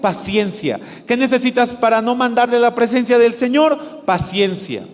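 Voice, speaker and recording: A man's voice: extremely high pitch, moderate pace. A male pastor with a Bolivian Spanish accent, preaching a sermon and asking his congregation questions that he answers himself. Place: church hall. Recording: echoey church hall with music.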